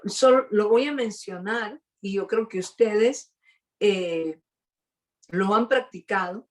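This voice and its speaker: A woman preaching a sermon over a video call, earnest and slightly hoarse, pausing for emphasis. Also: medium pitch.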